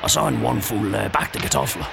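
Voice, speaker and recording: A muscle-bound cartoon guest brags and orders heaps of food in a gravelly voice. The tone is boastful and greedy. A hiss runs under the old dub. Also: male voice, fairly low pitch. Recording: hissy old dub track.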